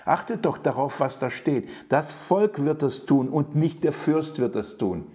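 A man's voice: a little high, lively intonation, measured pace, warm tone. A man preaching an earnest Bible teaching, speaking emphatically with frequent restarts and fillers and putting questions straight to his listeners. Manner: addresses listeners directly with questions. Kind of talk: sermon-style Bible teaching.

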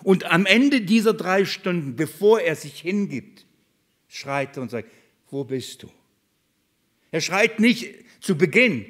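A man preaching a sermon in a church, his voice sitting a little high. He poses questions to the congregation and answers them, swinging from loud declarations down to hushed lines. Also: lively intonation, measured pace.

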